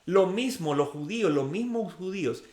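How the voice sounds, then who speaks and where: A man's voice: high voice, lively intonation, moderate pace, darkish tone, echoey room. A man leading a verse-by-verse Bible study, reading a passage and then explaining it in a conversational way with frequent "ok"s. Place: church room.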